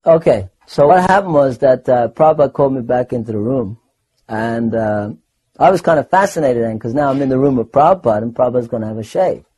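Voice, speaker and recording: An older man recounting personal memories in a rambling, animated way, often restarting his sentences. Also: medium pitch, quick pace, breathy edge, poor audio. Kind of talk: personal anecdote storytelling.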